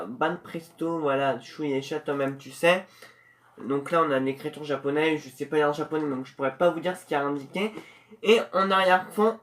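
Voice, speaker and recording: Chatty, slangy unboxing host. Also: mid-range voice. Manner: slangy and chatty, with many hesitations; excitable when opening the package. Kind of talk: casual unboxing commentary.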